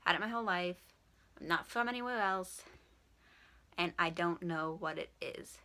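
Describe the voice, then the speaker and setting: Bright-voiced young woman saying w for r. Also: fairly low pitch, moderate pace. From Washington State, USA. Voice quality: speech impediment, says w for r. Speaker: vlogger. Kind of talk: casual question-and-answer vlog to camera.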